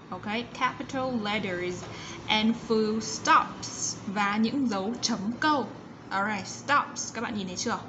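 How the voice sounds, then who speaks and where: A Vietnamese woman teaching an English lesson to young children, encouraging and repeating sounds, switching between quick explanations and slowly drawn-out model sentences. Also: on the high side. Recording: slightly dull lo-fi recording with background noise.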